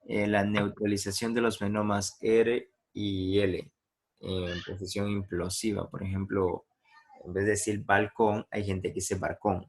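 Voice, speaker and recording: Gravelly Ecuadorian man teaching a class. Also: on the low side, level tone, measured pace. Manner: explains patiently with examples, asks students if they follow. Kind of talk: online class lecture.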